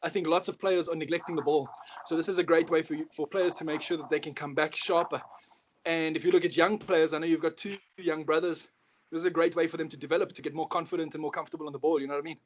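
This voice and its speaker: A South African man plays a football coach in a casual interview, effusive and matey with his encouragement and calling the guest "bro." His voice sits on the high side, with fairly even intonation and a quick pace. The recording sounds dull and lo-fi, with clear noise.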